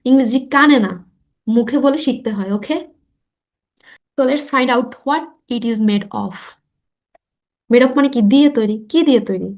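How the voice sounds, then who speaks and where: A woman teaching a spoken English lesson, stretching out model sentences slowly and often asking quick check questions. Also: sits high. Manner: slow, drawn-out model sentences for repetition; asks rhetorical check questions.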